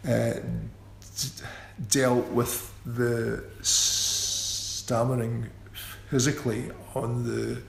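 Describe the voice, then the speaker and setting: Interviewed on radio as a musician, a man stammers with repeated sounds and restarts, his gravelly, medium-pitched voice delivered flatly. He takes a slow, considered pace, and the echoey room carries faint ambient noise.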